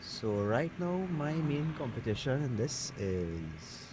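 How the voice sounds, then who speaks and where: Male sim-racing streamer, mid-pitched, muttering low-key asides to chat; loud engine noise underneath. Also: very animated, takes it slowly. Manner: low-key, thinking aloud in short remarks. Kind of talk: casual live-stream commentary while racing. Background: race car engine roar.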